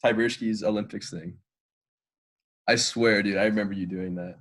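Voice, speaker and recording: A man's voice: fairly low pitch, steady tone, moderate pace. A young man co-hosting a podcast, telling teasing stories and laughing through them. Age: young adult. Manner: teasing storyteller, laughs often. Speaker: co-host. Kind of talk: casual chat.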